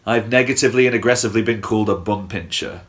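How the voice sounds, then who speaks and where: A man performing stand-up comedy in a dry, absurd, deadpan manner, with the odd swear word. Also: lowish voice, quick pace.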